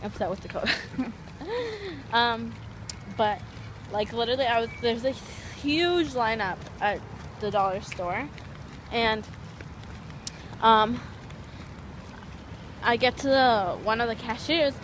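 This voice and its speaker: A woman's voice: on the high side, slow, pauses often. Chatty young woman vlogging on her phone. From Canada. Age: young adult. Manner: chatty, rambling with many fillers. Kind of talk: casual vlog chat. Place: outdoors in parking lots and streets, later a home kitchen. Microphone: phone held at arm's length. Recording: phone audio with clear street noise.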